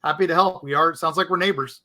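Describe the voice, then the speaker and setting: Here a man with a slightly high, sharp-toned voice talks fast and keeps his tone steady. He co-hosts a podcast, chatting casually with plenty of fillers between reading out stories sent in by listeners.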